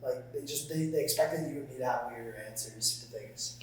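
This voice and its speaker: A man's voice: medium pitch, fast talker. A young man co-hosting a podcast, chatting casually and wryly. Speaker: podcast co-host. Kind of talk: casual chat. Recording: echoey room, far from the mic, faint hum.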